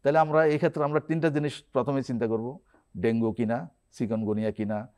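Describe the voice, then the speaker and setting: A man's voice: medium pitch, fairly even intonation, fast talker, a little mellow. A man, a guest doctor, explaining symptoms and remedies step by step on a TV health program in a studio.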